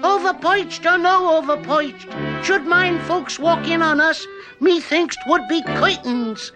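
Mock-tragedy cartoon heroine: high falsetto, measured, grandly lovelorn and declamatory. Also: male voice, over music. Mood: urgent, melodramatic. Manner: declamatory, archaic and theatrical. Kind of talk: cartoon parody of stage tragedy.

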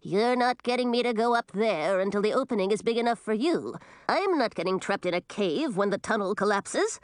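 A woman's voice: medium pitch, animated, fairly quick, clear, resonant tone, no echo, pitched above the performer's own voice, lightly acted. A woman reading a storybook and voicing a timid little male crab who refuses to take risks. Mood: stubborn. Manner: jittery, cautious.

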